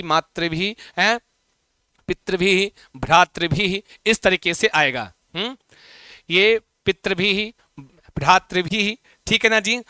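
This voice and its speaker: Bright-voiced, high-pitched male teacher. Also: clean tone, no echo, studio quality. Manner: chatty, repeats key points and quizzes students. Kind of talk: live online class.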